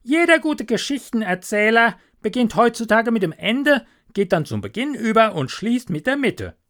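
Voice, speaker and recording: A man's voice: extremely high pitch, sing-song, normal speed, a bit bright, voice pushed up, heavily acted. A man voicing a conceited, know-it-all male water rat in a storybook reading, speaking in a snooty, lecturing way.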